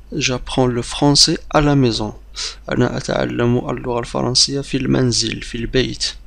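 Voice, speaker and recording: A man teaching a beginner language lesson, explaining briskly with some hesitations and repeating example phrases slowly like drills. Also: medium pitch, gravelly, bright, forceful tone.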